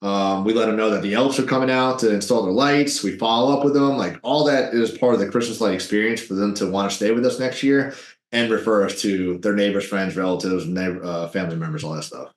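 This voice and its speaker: A man telling business tips in an interview, animated and salesy. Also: lowish voice, echoey room. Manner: animated, salesy, quick asides. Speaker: guest, business owner.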